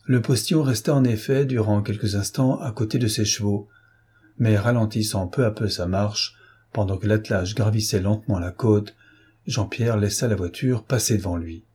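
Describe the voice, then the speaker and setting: A man reading a novel aloud as an audiobook narrator, in a measured storytelling manner. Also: fairly low pitch, mellow, slightly rough. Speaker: audiobook reader.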